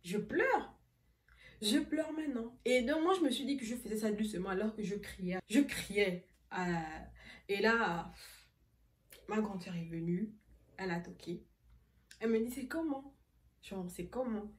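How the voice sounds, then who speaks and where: Une jeune femme qui raconte une anecdote sur un ton familier et animé, en riant souvent. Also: female voice, mid-range voice, a little slow, long pauses. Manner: animated, laughing often while telling. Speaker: vlogger. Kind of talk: casual storytime. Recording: roomy echo, voice a bit far from mic.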